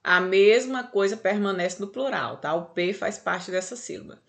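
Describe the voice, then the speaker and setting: A woman's voice: mid-range voice, normal speed, vocal fry, fairly bright tone. A Brazilian woman teaching a grammar lesson, patient and explaining step by step, checking in often with her students.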